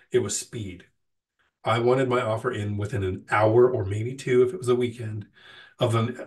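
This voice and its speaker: A middle-aged man with a lowish voice, recorded from a distance, sounds sick and nasal. He hosts a live chat, answering questions casually with frequent ums and restarts.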